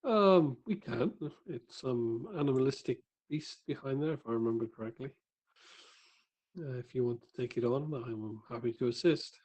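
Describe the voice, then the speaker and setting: A man's voice: mid-range voice, normal speed, a little mellow, dull audio. Easygoing man at a game table. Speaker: player. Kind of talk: tabletop game play over a stream.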